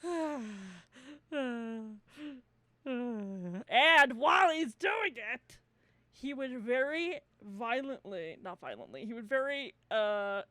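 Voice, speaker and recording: A woman's voice: sits high, a little slow, no echo, clean studio sound. A woman hosting a podcast, chatting casually, telling stories with lots of laughter and swearing. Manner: laughs often, swears freely, animated storytelling. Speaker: podcast host. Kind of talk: casual chat.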